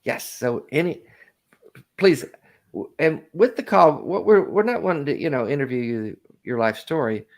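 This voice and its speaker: A man's voice: on the high side, normal speed. Chatty male talk show host. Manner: animated, chatty, laughs often. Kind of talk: casual chat.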